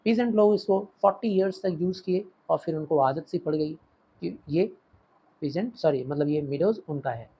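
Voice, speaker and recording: A man with an Indian English accent teaches a play in a Hindi-English literature lesson, explaining each line and alternating languages. His voice is fairly high yet dark in tone and slightly rough, at a moderate pace. The audio is poor.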